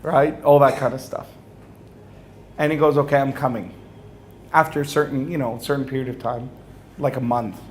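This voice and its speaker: Animated man telling a funny story. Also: medium pitch, normal speed, pauses often, a little hiss or hum. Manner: animated, acts out dialogue, often laughs. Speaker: religious speaker. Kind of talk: humorous personal storytelling to an audience.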